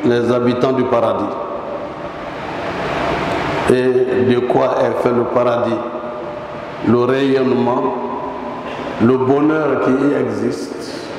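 A middle-aged man with a West African French accent giving a Friday sermon at a mosque pulpit, slow and measured, stretching his phrases and weaving in Arabic formulas. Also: medium pitch, noisy background. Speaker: imam. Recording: echoey mosque hall with long reverb.

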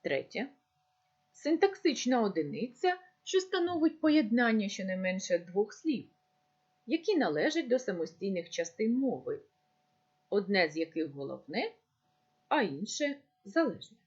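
A woman teacher giving a recorded lesson, speaking slowly and deliberately as if dictating. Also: medium pitch, big pitch swings, a little mellow, breathy edge, dull audio. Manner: slow, deliberate dictation-like delivery.

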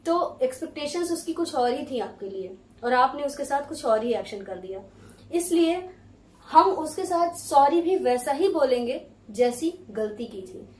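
A woman teacher explaining spoken English phrases, saying each example slowly. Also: high-pitched, expressive, a little mellow. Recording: echoey room, voice from some distance.

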